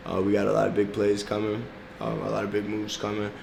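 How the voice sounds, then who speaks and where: A young adult man from South Florida, United States, whose first language is Portuguese, is interviewed casually as a music artist. His voice is on the low side, monotone and fast with vocal fry, and he talks in a laid-back, slangy way, laughing often. The recording is in an echoey room with background noise.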